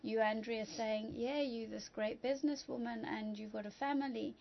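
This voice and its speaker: A woman's voice: on the high side, steady tone, moderate pace, gravelly, dull audio. A woman speaking as an expert guest on a talk show, emphatic and encouraging.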